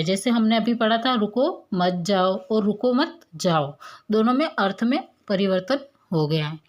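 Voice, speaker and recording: A woman teacher explaining a grammar lesson to young pupils, patiently posing questions and answering them herself, and reading examples slowly. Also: fairly high pitch. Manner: slow, clear dictation of examples.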